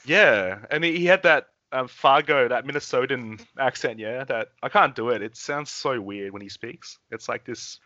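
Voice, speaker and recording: A man's voice: medium pitch, moderate pace, few pauses, bright, forceful tone, no echo, highs cut off. A man co-hosting a podcast, chatting casually with lots of fillers and restarts. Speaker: podcast co-host. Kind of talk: casual chat.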